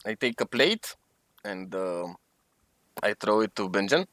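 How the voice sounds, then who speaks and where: A man playing a tabletop game, speaking loudly and casually. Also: lowish voice, animated, measured pace, dry recording. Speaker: player.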